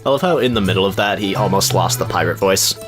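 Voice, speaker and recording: A man's voice: sits low, fast talker, over music. A man giving casual let's-play commentary, chatty and giggly, reading game text aloud. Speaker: gaming YouTuber.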